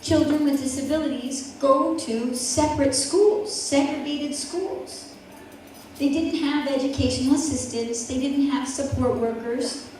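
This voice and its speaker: A woman's voice: high voice, warm tone, slight background noise. A woman voicing a flustered, apologetic school principal, a man, in her own voice. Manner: hurried, apologetic. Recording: echoey hall from far off.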